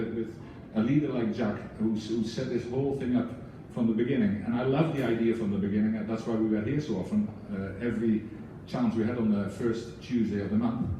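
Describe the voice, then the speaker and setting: A man from a book club's leadership team gives a speech to an audience, speaking with a foreign accent, earnestly and passionately, and restarting often. His voice is medium-pitched and warm. The recording has a little hiss or hum, and he sounds distant in an echoey room.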